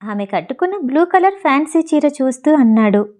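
A woman's voice: sits high, expressive, fairly quick, darkish tone. A woman reading a novel aloud as an audiobook narrator, voicing the characters in her own voice.

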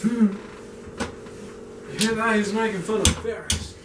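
A man's voice: high-pitched, fairly even intonation, a little slow. A tipsy, giggly young man bantering casually and swearing, recorded from a distance in a small kitchen. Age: young adult. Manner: foul-mouthed, exclamatory. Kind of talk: casual banter while cooking. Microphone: camera a few meters away. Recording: roomy, distant, noisy camera audio.

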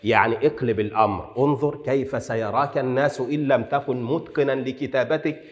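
A man's voice: medium pitch, steady tone, a little fast. Man, language teacher, emphatic, asks and answers his own questions, stretches out example words, long reverb. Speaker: Arabic writing instructor. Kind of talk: lesson.

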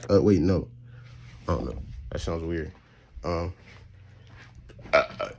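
A deep, creaky, mellow voice belongs to an eighteen-year-old Texan college student who vlogs and streams. He chats and rambles casually to viewers via a phone camera held out at arm's length or propped in a small bedroom and bathroom, slangy and full of fillers as he talks to chat. Slight background noise is present.

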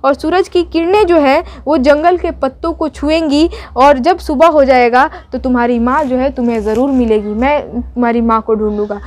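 Young female teacher, high voice; slow poem reading, casual repetitive explanation. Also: fairly even intonation, darkish tone. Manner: reads poem lines slowly, then explains them in casual Hindi; repeats phrases for emphasis. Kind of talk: explaining a poem in a video lesson.

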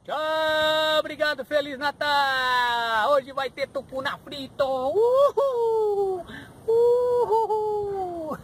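Excited high-voiced Brazilian man fishing. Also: takes it slowly, slight background noise. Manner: excited, calls out to the fish in a sing-song chant. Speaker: fishing vlogger. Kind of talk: casual running commentary while fishing. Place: outdoors at a pond.

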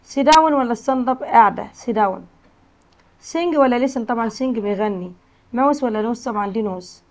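A woman with an Egyptian accent teaching English to young children, slowly modelling words and letter sounds. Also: a little high. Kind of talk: classroom lesson explanation.

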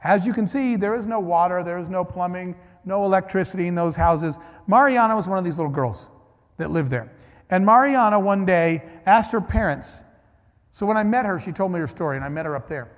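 An expressive, brisk man with a high voice gives the keynote at a large conference, his storytelling loose and anecdotal, broken by restarts and asides. Long reverb from the hall trails his words.

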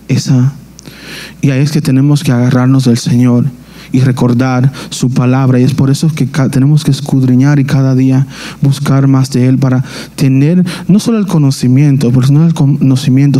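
A man, preaching a sermon in a church, earnest and halting, often restarting his phrases. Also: medium pitch, mellow. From Dominican Republic. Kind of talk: sermon with personal testimony.

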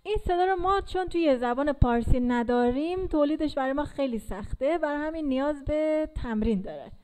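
A woman's voice: sits high, warm tone, low-quality recording. A woman teaching English to learners in a casual classroom style, patiently repeating and drilling sounds.

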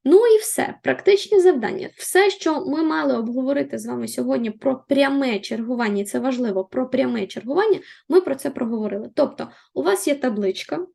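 Woman, language teacher, high voice, creaky, patient, repeats rules, slow on examples. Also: darkish tone. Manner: slows to spell out example words. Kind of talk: explaining Finnish grammar.

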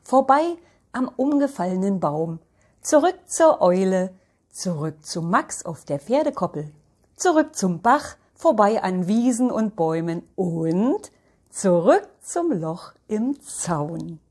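Older woman, storybook reading for children, gentle, unhurried, breathy voice. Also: medium pitch, sing-song. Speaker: storyteller grandmother. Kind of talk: reading a children's picture book aloud.

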